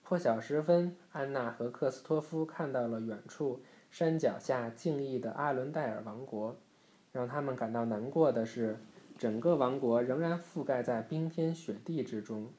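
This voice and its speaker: A man reading a bedtime story aloud to a child in a gentle, steady narrating voice. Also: mid-range voice, normal speed. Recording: roomy echo.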